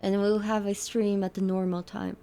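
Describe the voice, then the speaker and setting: A woman's voice: mid-range voice, level tone, normal speed, dark tone, soft background music. A woman livestreamer chatting casually with her viewers while gaming, thanking them and answering their questions.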